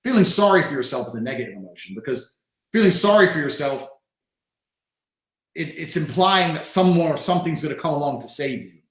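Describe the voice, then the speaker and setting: A man's voice: a little high, animated, fairly quick, a bit bright. Blunt, swearing male interview guest. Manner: blunt, profane, emphatic. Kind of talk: casual interview talk. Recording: roomy echoey sound.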